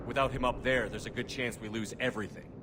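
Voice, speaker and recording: A man's voice: mid-range voice, steady tone, fast talker, background noise, natural voice. An actor playing a resolute, no-nonsense male military commander in a sci-fi video game. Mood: earnest, persuasive. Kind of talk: cinematic sci-fi game acting.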